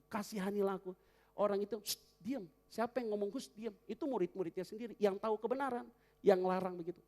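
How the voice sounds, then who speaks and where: A pastor preaching a sermon in church, swinging between fervent loud passages and hushed, prayerful ones. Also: male voice, on the high side, in a large hall.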